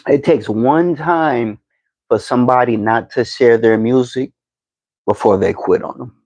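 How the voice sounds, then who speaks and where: A man in his fifties, a podcast host giving slow, deliberate motivational advice, with frequent fillers and repeated words. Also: medium pitch, a little mellow, no echo, rough recording. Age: 50s. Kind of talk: motivational talk to camera.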